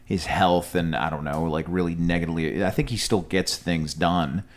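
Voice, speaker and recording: A man chatting casually as a podcast co-host, haltingly, repeating words as he thinks. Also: deep voice. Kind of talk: casual chat.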